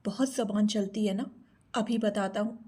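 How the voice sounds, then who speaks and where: A woman voicing a cruel, threatening young man who holds a girl captive, in her own husky narrating voice. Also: medium pitch, fairly even intonation, normal speed, warm tone, close to an everyday voice. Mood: angry. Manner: cold and threatening.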